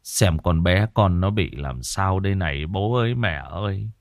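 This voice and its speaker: A man's voice: deep voice, expressive, moderate pace, dry recording, studio quality. A man voicing a frightened older village father who speaks in a trembling, pleading way in a storybook reading. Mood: pleading prayer.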